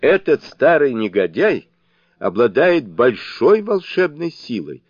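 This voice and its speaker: A man's voice: a little high, very animated, moderate pace, vocal fry, a little mellow, no echo, voice pushed up, full character voice. A man voicing a grumbling monkey king, a bold trickster, with a raised voice. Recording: dull lo-fi dry recording.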